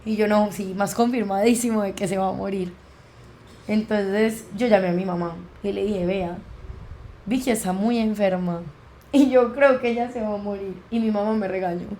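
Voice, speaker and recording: A woman's voice: mid-range voice, moderate pace, dark tone, a little hiss or hum. A young woman with a Colombian accent, a podcast guest telling a personal story and acting out the dialogue as she goes. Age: young adult. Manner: vivid retelling that acts out quoted dialogue.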